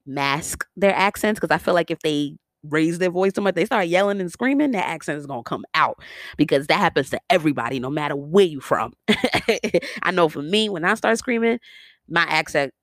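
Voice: mid-range voice, expressive, brisk, fairly bright tone, dry recording, clean studio sound. A speaker with a New York accent giving casual, opinionated commentary with sassy, slangy asides. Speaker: vlogger reviewing a biopic series.

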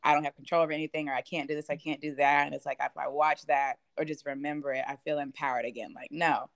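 Woman podcast host; deep, effusive, emotional chat, dry recording. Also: flat delivery, quick pace, gravelly, dry recording. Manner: warmly effusive, emotional reactions.

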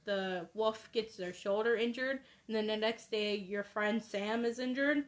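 A woman's voice: mid-range voice, unhurried. A woman co-hosting a casual podcast, talking in a hesitant, hedging way with frequent ums. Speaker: podcast co-host.

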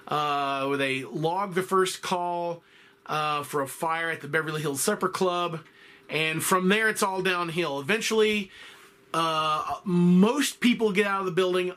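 A man's voice: a little high, pushed and bright. A man casually narrating a solo podcast, rambling a little and correcting himself often. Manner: rambling, self-correcting, with frequent fillers. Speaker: podcast host.

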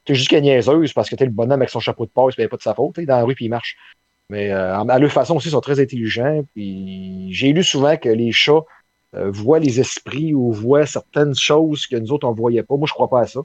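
A hesitant man with a Quebec French accent chats casually on a podcast, often stopping and restarting. His voice is medium in pitch. The sound is dull and slightly lo-fi, and dry. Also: fairly quick, dry recording. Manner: hesitant, many fillers and restarts. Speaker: podcast co-host. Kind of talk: casual conversation.

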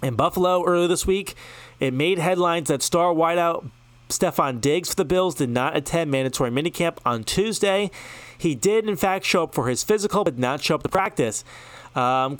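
A man's voice: a little high, normal speed, a bit bright, clean tone, no room sound. A man hosting a solo sports news podcast, reading headlines in a loose, chatty way with frequent ums and asides. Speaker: podcast host.

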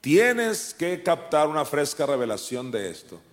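A man preaching a sermon, swinging from shouted commands down to quiet, low asides. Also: normal speed. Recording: long hall reverb.

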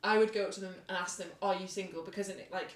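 A woman's voice: mid-range voice, fairly even intonation, racing. Roomy echoing sound, young woman, casual slangy chat, giggly podcast host.

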